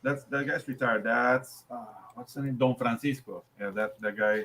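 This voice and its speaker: A man's voice: medium pitch, normal speed, poor audio. Rambling male co-host in casual chat. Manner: rambling, animated storytelling with frequent repeats.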